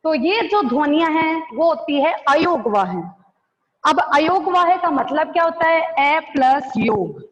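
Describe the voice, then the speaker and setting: A woman's voice: high-pitched, animated, a little slow. A female teacher giving an online class, asking questions and answering them herself. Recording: dull lo-fi sound with long reverb.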